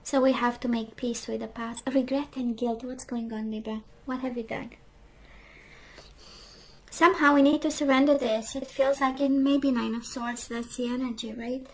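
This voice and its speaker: A woman with a voice that is going hoarse, chatting casually through a tarot card reading and often asking "right?". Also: on the high side, steady tone, normal speed, a little hiss or hum, poor audio. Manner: chatty, reflective, frequent "right?" and "we do have". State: losing her voice, clearing throat. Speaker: tarot reader.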